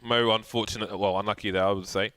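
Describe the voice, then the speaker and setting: A man giving live play-by-play commentary on a match, with dry, deadpan banter between excited calls. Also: on the low side, fast talker. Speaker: esports commentator. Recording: light background noise with game gunfire.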